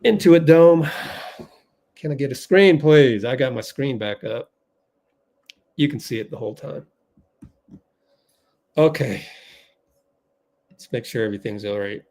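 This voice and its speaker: A man's voice: mid-range voice, measured pace, long pauses, darkish tone. A man hosting a fan livestream, doing play-by-play while he rambles through technical problems. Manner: flustered, rambling, many fillers, talks to himself while fixing tech.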